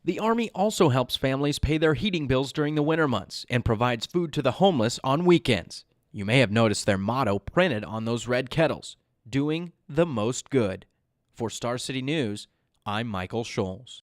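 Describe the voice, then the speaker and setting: A man's voice: medium pitch, lively intonation, normal speed, dry recording, studio quality. A man with an American accent narrating a scripted news package as a reporter.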